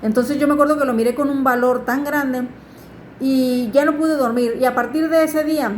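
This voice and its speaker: Woman, fairly high voice, earnest faith testimony recorded in an echoey room. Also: darkish tone, a little hiss or hum. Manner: earnest, pleading with listeners to turn to God. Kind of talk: personal religious testimony.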